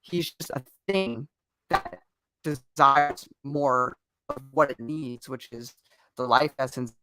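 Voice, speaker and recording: A man's voice: medium pitch, slow, bright, forceful tone, rough recording. A man in casual chat as host of a fan discussion show, talking at length with frequent restarts and digressions.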